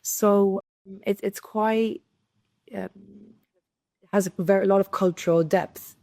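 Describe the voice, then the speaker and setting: A woman's voice: mid-range voice, steady tone, takes it slowly, creaky, darkish tone, no room sound, clean studio sound. A young woman from Syria, a podcast guest telling her story in an earnest way, often restarting and repeating words. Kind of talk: conversational interview storytelling.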